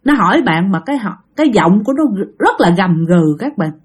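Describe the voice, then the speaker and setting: A woman's voice: medium pitch, very animated, a little fast, breathy edge. A woman with a Southern Vietnamese accent hosts a ghost story channel and tells each story in a loose, chatty voice. She often turns to speak straight to her listeners, and she has a slight cough. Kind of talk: casual spoken storytelling.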